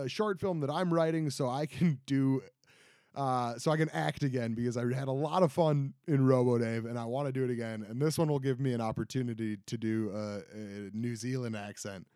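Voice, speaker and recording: A man's voice: mid-range voice, moderate pace, darkish tone, no echo, clean studio sound. A young man hosting a casual solo podcast, rambling and self-deprecating with many fillers and restarts. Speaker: podcast host.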